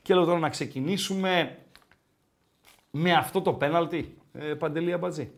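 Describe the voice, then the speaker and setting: A man hosting a casual sports talk show, telling stories and teasing his co-host. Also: a little high. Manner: storytelling, mimics dialogue in quotes; bantering, teasing.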